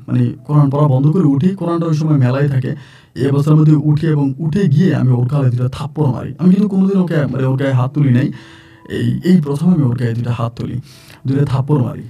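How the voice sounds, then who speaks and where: A man's voice: mid-range voice, dark tone, distant mic. A man from Sylhet, telling his own true-life story in an earnest, rambling way full of fillers and repeats. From Sylhet, Bangladesh.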